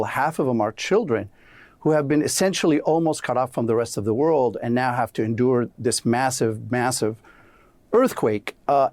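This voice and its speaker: A man's voice: medium pitch, darkish tone, no room sound. Male guest expert from Syria, earnest explanatory tone, dry recording. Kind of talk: remote news interview.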